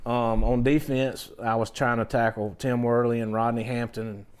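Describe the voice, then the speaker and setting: A man's voice: medium pitch, little pitch movement, normal speed, smooth. A man in his fifties, a songwriter guest, telling stories in a rambling way full of fillers and restarts. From southern Georgia, US. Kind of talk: casual storytelling chat.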